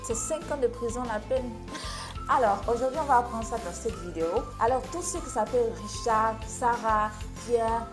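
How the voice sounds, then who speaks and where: A woman's voice: a little high, normal speed. Woman, English coach, playful teasing video lesson, faint music under. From Côte d'Ivoire.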